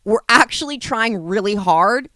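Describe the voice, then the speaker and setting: Lively woman podcast co-host. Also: a little high, a little slow, no room sound, clean studio sound. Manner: playful, rambling, often laughing. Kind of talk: casual comedic chat.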